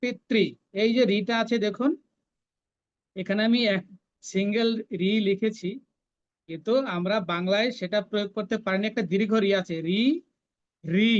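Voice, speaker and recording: A woman teaching a scripture recitation class, chanting each verse slowly and then explaining how to pronounce it. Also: medium pitch, steady tone, highs cut off.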